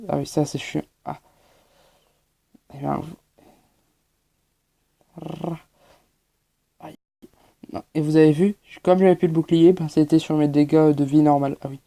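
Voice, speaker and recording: A man's voice: on the high side, creaky, mellow. A man giving hesitant, explanatory gameplay commentary as a channel host, with many fillers.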